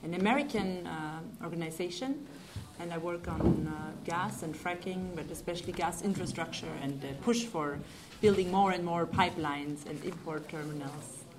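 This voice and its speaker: Lower-voiced woman introducing herself. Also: measured pace, background noise. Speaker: panelist, campaigner. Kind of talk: brief self-introduction.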